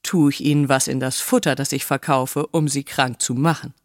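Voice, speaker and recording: A woman's voice: very deep voice, fairly even intonation, moderate pace, dry recording, clean studio sound. A woman voicing a simple, chatty man who sells cat food, rambling along enthusiastically and naively, in an audiobook reading. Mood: gushing. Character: simple, chatty working-class man, cat's-meat seller.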